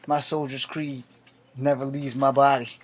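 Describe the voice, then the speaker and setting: A man's voice: mid-range voice, level tone, a little slow, slight background noise. Man, late forties, army veteran, blunt, profane, defiant monologue. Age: 40s. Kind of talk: personal monologue to camera.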